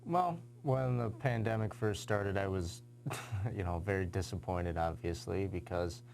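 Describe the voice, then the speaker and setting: A young man, a high school athlete, answering interview questions casually with lots of fillers. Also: unhurried, vocal fry, darkish tone. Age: young adult. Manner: casual, lots of "you know" and "kinda".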